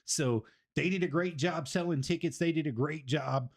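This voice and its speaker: A gravelly-voiced man from Tennessee, US, hosts a casual wrestling review stream, speaking at a moderate pace with a fairly high pitch. He rambles and repeats phrases for emphasis.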